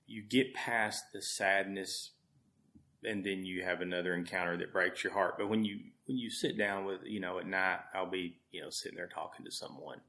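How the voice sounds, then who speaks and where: A man's voice: low-pitched, fairly even intonation, moderate pace, bright, forceful tone. A man from Arkansas, a guest telling heartfelt, rambling stories and often repeating his words. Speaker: guest, food charity volunteer. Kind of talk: storytelling in conversation.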